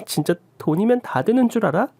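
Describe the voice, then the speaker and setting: A woman's voice: medium pitch, expressive, brisk, warm tone, breathy edge, no room sound. A woman voicing a fed-up young daughter-in-law who reproaches her husband in a radio drama. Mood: reproachful. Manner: pleading and reproachful.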